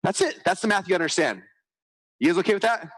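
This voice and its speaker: A man's voice: sits high, quick pace, poor audio. A man giving a live marketing talk at a conference, telling stories energetically, acting out quotes and often checking in with "okay?". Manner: energetic, animated storytelling, acts out quotes; repeats "okay?" to check with the audience. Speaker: conference speaker. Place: conference hall.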